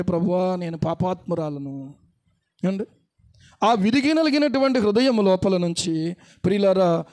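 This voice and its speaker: High-voiced man preaching a sermon. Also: darkish tone. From India. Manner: preaching with repeated rhetorical questions to the congregation. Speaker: pastor.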